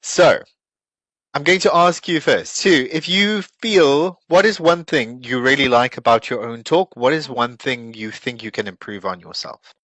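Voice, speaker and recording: A man's voice: medium pitch, unhurried, fairly bright tone, no echo, highs cut off. A man coaching students for a speaking test, giving feedback and explaining with examples. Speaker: English teacher.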